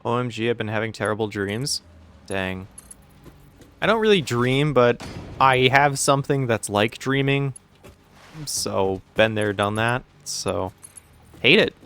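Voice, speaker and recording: A man streaming a game live, talking to his chat in an unhurried, drawn-out way. He is playful and teasing, swears freely, and keeps things loose and joking. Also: mid-range voice, fairly bright tone, clear, resonant tone. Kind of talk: casual live-stream chat while playing.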